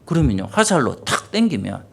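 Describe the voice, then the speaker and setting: A man's voice: mid-range voice, very animated, fairly quick, vocal fry, fairly bright tone, husky. A middle-aged man, a senior pastor preaching an early-morning sermon with vivid storytelling and rhetorical questions.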